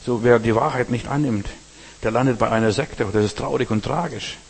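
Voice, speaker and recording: A man's voice: mid-range voice, a little fast, vocal fry, husky, long reverb tail. A man preaching a sermon, addressing listeners directly with frequent asides asking if they understand.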